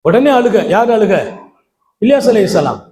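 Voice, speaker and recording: Male preacher, high voice, sermon delivery that rises to shouts, roomy echo. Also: very animated, normal speed. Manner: swings from quiet storytelling to high shouted exclamations. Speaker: Islamic preacher.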